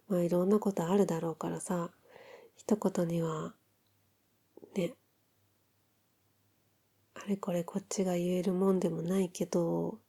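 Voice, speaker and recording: Casting: woman as tender newlywed wife, soft-spoken pillow-talk role-play, very soft dark tone, unhurried and intimate. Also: lowish voice, husky, exaggerated voice. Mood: intimate, reflective. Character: affectionate newlywed wife chatting softly in bed.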